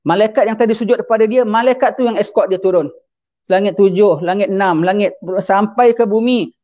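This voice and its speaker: A man's voice: high voice, brisk, dull audio. A man preaching a sermon, mixing English phrases into his speech and asking his audience questions that he then answers himself.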